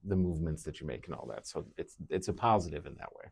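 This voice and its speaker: A man with a very low, gravelly voice co-hosts a casual podcast. He talks in an easygoing way and drops dry jokes into his stories. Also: animated, quick pace, a little mellow. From Wisconsin. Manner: easygoing, joking storyteller. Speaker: podcast co-host, financial advisor.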